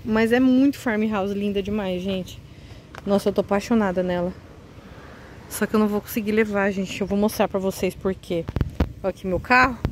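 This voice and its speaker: This casual vlog walkthrough features a woman speaking at a moderate pace in a medium-pitched, steady voice. She films on a handheld phone outside on a residential street, faint traffic sounds around her, and chats eagerly with her viewers.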